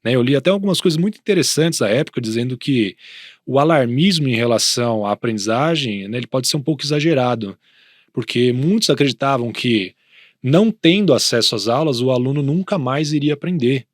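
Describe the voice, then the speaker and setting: A man in an average register talks through ideas about schooling on a podcast. He sounds reflective and unhurried, often checking in with little tag questions. The recording is dry and close. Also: mid-range voice, expressive, dry recording. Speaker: podcast co-host in education talk. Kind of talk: casual educational podcast chat.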